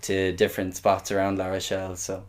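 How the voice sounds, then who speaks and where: A man's voice: sits low, completely flat delivery, brisk. A young man from Galway with a west of Ireland accent, chatting casually and a little hesitantly as a podcast guest. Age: young adult. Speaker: interview guest, exchange student.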